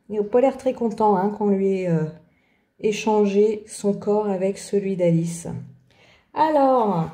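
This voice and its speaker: A woman's voice: mid-range voice, warm tone. A woman chatting casually through an art journal tutorial, hesitant, with many fillers. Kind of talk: casual craft tutorial chat. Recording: echoey room.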